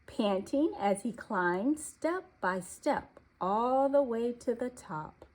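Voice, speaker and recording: A woman with a voice on the high side reads a children's storybook aloud, expressive and deliberate in her storytelling.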